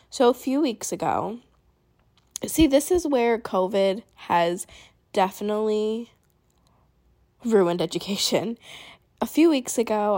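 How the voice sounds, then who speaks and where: A young woman with a husky, breathy voice casually rambling through a personal audio diary, correcting herself as she goes. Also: mid-range voice, a little mellow, no echo, studio quality. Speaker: teacher recording an audio diary.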